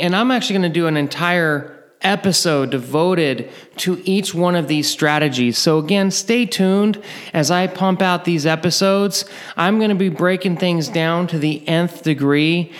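A middle-aged man teaching real estate investing in a casual talk, repeating points and checking in with "right?" and "okay?". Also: high voice. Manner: repetitive, checks in with "right?" and "okay?", chuckles often. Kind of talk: informal teaching monologue.

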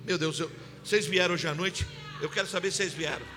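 A man preaches with a high voice, his sermon climbing from calm teaching into shouts and sung phrases. His voice rings through a church hall with a long reverb. Music plays clearly underneath. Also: fast talker. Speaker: pastor.

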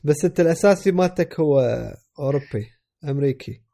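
A man with an Iraqi Arabic accent chatting casually as a podcast co-host, congested with a cold that affects his voice, halting as he searches for words. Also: a little high, dark tone. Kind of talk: casual chat.

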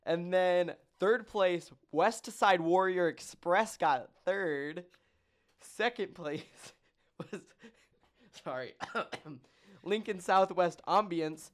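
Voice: mid-range voice, extremely slow. A podcast host in casual chat, joking and running through long lists of results with many ums.

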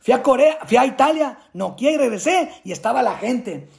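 Middle-aged Mexican man, high and very gravelly, animated storyteller who acts out the dialogue. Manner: acts out dialogue with quick voice changes. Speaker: guest, retired boxer.

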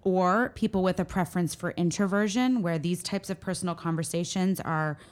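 Woman co-host, slightly low voice, chatty and playful. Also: normal speed, clean tone. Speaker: podcast co-host. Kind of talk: casual advice chat.

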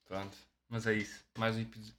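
A man's voice: on the low side, fairly quick, crowd noise. Laid-back young Portuguese man. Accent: European Portuguese. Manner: relaxed storytelling, peppered with English "yeah". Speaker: podcast co-host. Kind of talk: casual chat.

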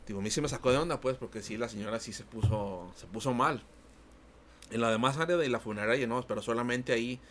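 A man's voice: mid-range voice, fast, a little hiss or hum. A man with a Mexican Spanish accent telling an anecdote in a casual podcast chat, rambling with many fillers. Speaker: podcast co-host.

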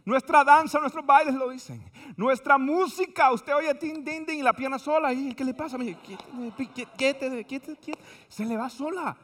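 A man preaching a humorous sermon, with a high voice and a bright, sharp edge. He tells stories in an animated way and acts out the voices of the people in them. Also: normal speed.

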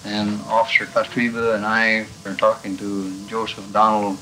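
A man questioning a suspect as a police detective, heard on an old archival tape recording, calm and hesitant, with frequent pauses. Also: on the low side, faint music behind, low-quality recording.

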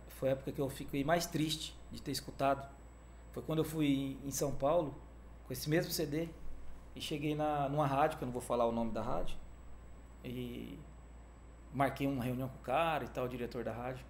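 A man telling a story in a casual interview, animated and peppered with "cara", acting out the other voices in it. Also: mid-range voice, a little hiss or hum. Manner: animated, fills talk with "cara", acts out quoted dialogue. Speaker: guest, music manager.

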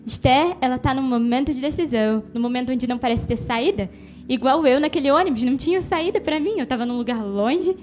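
A woman gives a devotional, mixing a personal story with Bible teaching. She talks conversationally and speaks straight to the listener. Her voice is high, with soft music faintly behind her. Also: a little fast. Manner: conversational, addresses listener directly.

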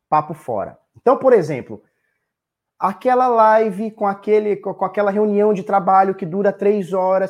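A man's voice: sits high, a little mellow. A man in his thirties with a Brazilian Portuguese accent, a live streamer ranting bluntly to his chat, swearing freely and repeating his points, a little tipsy. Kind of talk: casual profane rant.

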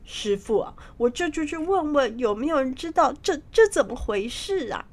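A woman's voice: high-pitched, lively intonation, normal speed, pitched above the performer's own voice. A woman voicing an eager male monkey disciple in a storybook tale, speaking earnestly. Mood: concerned.

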